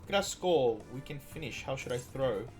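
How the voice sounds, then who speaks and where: A man's voice: medium pitch, animated, moderate pace, faint music behind. Rambling man streaming a game. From Iceland. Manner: rambling, trivia asides with restarts. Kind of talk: casual gameplay commentary.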